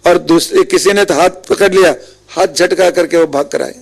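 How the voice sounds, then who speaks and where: In a poorly recorded devotional discourse, a man with an Indian accent and a high, steady-toned voice retells stories from scripture. He takes his time, acting out quoted dialogue as a religious storyteller.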